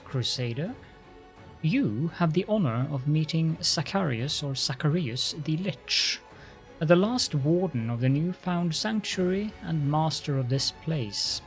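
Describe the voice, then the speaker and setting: A man voicing an arrogant undead lich, a lordly military master speaking with haughty, sneering command in a fantasy game. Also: on the high side. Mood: lordly, demanding. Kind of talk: dramatic voiced game dialogue.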